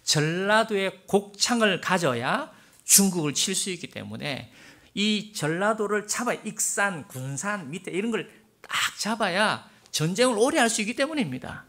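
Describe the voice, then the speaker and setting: A male pastor preaches, his voice gravelly with fry. His pitch swings widely, from hushed, breathy asides to forceful, emphatic peaks. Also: lively intonation, moderate pace. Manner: swings between hushed near-whispers and emphatic bursts. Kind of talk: sermon.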